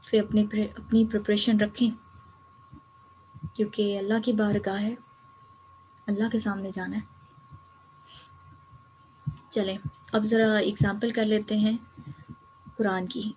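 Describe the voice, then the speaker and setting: A woman's voice: mid-range voice, level tone, long pauses, darkish tone, slight background noise, poor audio. A woman teaching an Arabic grammar lecture, explaining each step patiently and slipping English terms into her talk.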